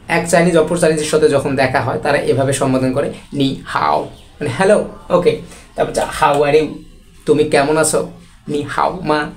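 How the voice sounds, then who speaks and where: A man with a Bangladeshi Bengali accent teaching an online language lesson, explaining slowly and repeating each phrase with drawn-out model pronunciations. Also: a little high, darkish tone.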